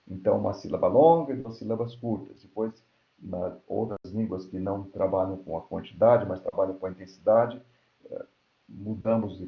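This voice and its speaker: Brazilian man, lowish voice, academic lecture, roomy dull online-call sound. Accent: Brazilian Portuguese. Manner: explanatory, frequent checking tags like "né?" and "certo?". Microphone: computer mic on an online lecture platform.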